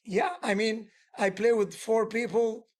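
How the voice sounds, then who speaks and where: Here a man sits high in pitch yet has a darkish tone, keeping his intonation fairly even and his pace measured. He's a musician and music teacher at a casual workshop, earnest and rambling, often restarting sentences with loose grammar.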